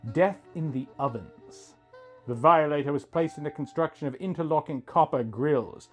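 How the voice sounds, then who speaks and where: Taking the role of a dramatic narrator, a medium-pitched man performs a scripted first-person story with theatrical, deliberate delivery.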